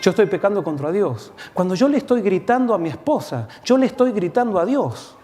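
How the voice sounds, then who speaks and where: A man preaching a sermon as pastor, earnest, swelling on key points and dropping low and soft when reading scripture. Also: big pitch swings, fairly quick, in a large hall.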